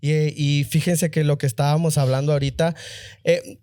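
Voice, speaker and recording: Man, Mexican accent, podcast co-host, jokey, laughs often, fairly high voice, dry sound. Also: flat delivery, moderate pace, dark tone, smooth, no room sound. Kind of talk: casual church podcast chat.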